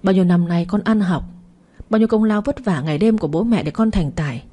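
A woman's voice: medium pitch, quick pace, warm tone, natural voice. A woman voicing a stern, angry middle-aged mother who scolds and demands answers. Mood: scolding.

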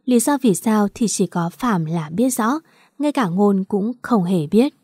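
Woman narrator, mellow dark voice, dry close sound, even storytelling. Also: mid-range voice, a little slow, husky, dry recording. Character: little girl Nam Nam, about nine, pleading.

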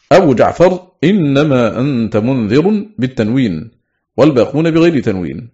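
A man reading a scholarly text aloud in a steady, measured, formal recitation. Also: medium pitch, dull audio. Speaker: audiobook reader.

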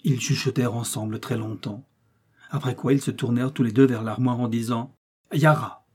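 A man reading a children's story aloud with a gentle, expressive delivery. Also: mid-range voice, brisk, husky. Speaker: narrator.

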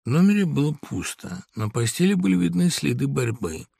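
Gravelly man reading a comic story. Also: medium pitch, brisk, dry recording, clean studio sound. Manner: lively, wry storytelling. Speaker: audiobook narrator. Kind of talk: audiobook narration of a comic story.

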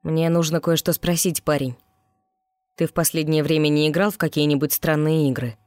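A reader voicing a blunt, gruff demon guardian in an audiobook, close to the reader's own voice. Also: mid-range voice, fairly even intonation, fairly quick, darkish tone, no room sound, close to an everyday voice. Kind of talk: audiobook character voice.

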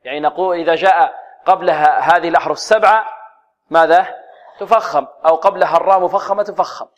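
A man teaching Quran recitation, drilling students by asking questions and then answering them himself, and modeling each word slowly. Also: on the high side, steady tone. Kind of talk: tajweed lesson with demonstrations. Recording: dull lo-fi recording.

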